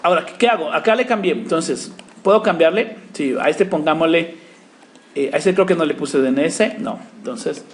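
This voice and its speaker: A man's voice: fairly high pitch, moderate pace. A man teaching a networking class, walking students through a live command-line demo and checking in with them after every step. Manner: constant check-ins with the class, talks while typing commands. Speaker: networking instructor. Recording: echoey classroom with faint room noise.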